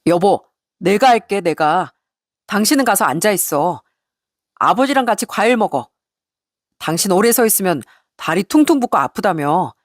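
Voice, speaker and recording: A woman's voice: mid-range voice, big pitch swings, normal speed, no echo, clean studio sound. A woman voicing a doting young husband who speaks in an eager, caring way.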